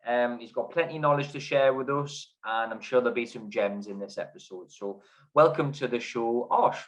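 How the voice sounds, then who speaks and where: A man's voice: mid-range voice, moderate pace, poor audio. A man hosting a property podcast, chatting casually and laughing easily with his guest. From Newcastle area lived. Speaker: podcast host. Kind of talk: casual interview.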